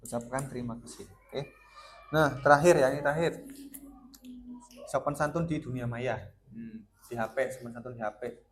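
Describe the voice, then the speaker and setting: A man with a medium-pitched, steady voice talks at a moderate pace and pauses often, with slight background noise. He's a school counselor running a relaxed group guidance lesson in a classroom, regularly questioning students, whose chatter and answers can be heard.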